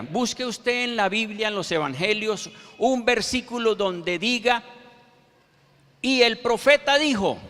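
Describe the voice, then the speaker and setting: A man preaching a sermon, quoting scripture verses with slow, emphatic pauses. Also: high voice, a bit bright. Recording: reverberant hall.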